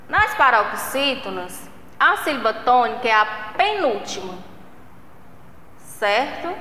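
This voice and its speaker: A Brazilian woman teacher gives a recorded lesson for young children, slow and patient, stretching out syllables and checking in often. Her voice is slightly high and bright. It rings in an echoey room with a long reverb tail. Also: a little hiss or hum. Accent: Brazilian Portuguese. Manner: slow, patient, drawing out syllables and asking "né?" and "certo?". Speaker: primary school teacher.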